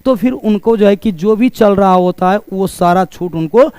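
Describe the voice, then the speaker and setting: A man giving a promotional pitch for coaching classes as a teacher, explaining things repetitively. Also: moderate pace, darkish tone, smooth, dry recording. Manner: explanatory, repetitive, asks questions and answers them himself.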